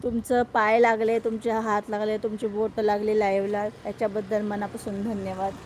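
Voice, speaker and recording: A woman's voice: mid-range voice, little pitch movement, normal speed, slight background noise. A woman hosting a live stream in casual chat, greeting viewers by name and teasing them playfully. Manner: playful, jokes about herself.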